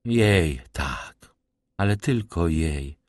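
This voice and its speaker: A man's voice: expressive, no echo, clean studio sound, heavily acted. A man reading a grave, restrained count. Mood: curt. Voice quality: low, subdued and measured. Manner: restrained, melancholy replies. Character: grave, reserved nobleman count, middle-aged man.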